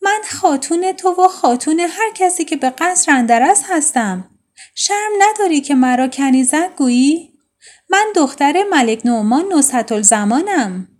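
A woman's voice: sits high, lively intonation, hardly any pauses, mellow. A woman voicing a proud, indignant young princess in a storybook tale.

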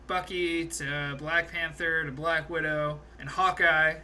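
A young man with a very bright, forward voice, pitched a little high, chatting eagerly about a film he loved. He tells scenes in a loose, animated way, with plenty of laughs and the odd curse. A faint hiss of noise sits under the recording. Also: slow. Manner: animated, swearing, laughs a lot, recounts scenes. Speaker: podcast co-host. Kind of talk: casual movie review chat.

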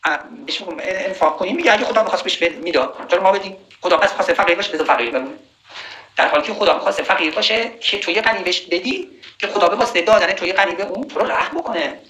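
A man giving a sermon on Quranic verses, slowly reciting Arabic verses and then explaining them in a conversational way. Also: high-pitched, animated, bright, forceful tone, echoey room, a little hiss or hum, rough recording. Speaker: preacher.

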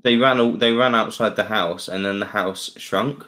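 A man's voice: fairly low pitch, fairly even intonation, normal speed, pushed and bright. A man, a podcast co-host chatting casually, who adds wry remarks and corrections while reviewing an episode.

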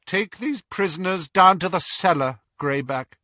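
A man's voice: sits high, unhurried, no echo, clean studio sound, voice pushed up. A man voicing a proud, indignant noblewoman. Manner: sharp and indignant.

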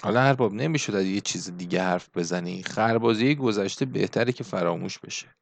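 A man voicing an older male Greek laborer in an audiobook, blunt and fiery, with a gruff, scornful manner. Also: fairly low pitch, no room sound. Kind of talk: audiobook character reading.

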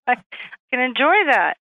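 A woman's voice: fairly high pitch, no room sound. Lady on the phone, blunt and giggly, thin phone sound, dry. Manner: blunt, laughs often. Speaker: host's wife on the phone. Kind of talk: casual phone chat. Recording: tinny phone line.

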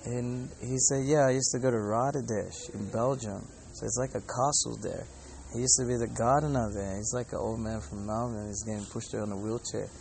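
A man with a medium-pitched, gravelly, darkish voice talks fairly quickly in a steady tone, rambling casually and earnestly like a podcast host. He's a Hare Krishna devotee telling stories and reflecting, recorded at an airport departure gate with faint airport noise behind him.

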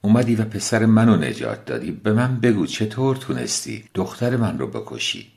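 A man's voice: on the low side, very animated, vocal fry, darkish tone, pitched above the performer's own voice. A man voicing a stern, grieving king in a storybook tale, commanding and questioning.

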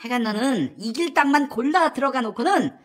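A woman playing a sharp-tongued character who mocks and swears at an old political fixer in a satirical comedy sketch. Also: high-pitched, lively intonation. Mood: scornful. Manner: scornful, swearing, rapid-fire nagging.

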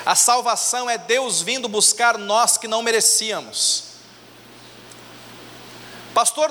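Pastor, male, high bright voice, preaching with storytelling, echoey church hall. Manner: preaching, acts out quoted voices in a low hush. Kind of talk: sermon with storytelling. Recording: echoey hall with faint ambience.

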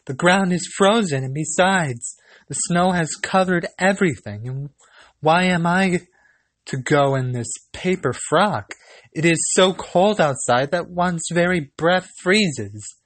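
A man reading aloud and voicing a gentle, obedient young stepdaughter in a higher, pleading voice. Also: slow, no room sound. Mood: distressed.

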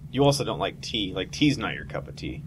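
A man's voice: lowish voice, sing-song, fairly quick, background noise. A man hosting a casual gaming podcast, joking and teasing his co-hosts. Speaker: podcast host.

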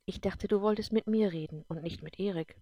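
A woman voicing a caring but firm mother in an audiobook, speaking calmly and steadily. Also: mid-range voice, fairly quick, dry recording, lo-fi sound, close to an everyday voice. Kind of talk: audiobook character voice.

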